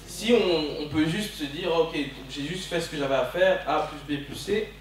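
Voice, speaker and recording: A man in his twenties from Belgium gives an emphatic, passionate sermon with repeated phrases during a service in a church hall. His slightly high voice keeps a moderate pace. The recording has a little hiss or hum, heavy echo, and a distant mic.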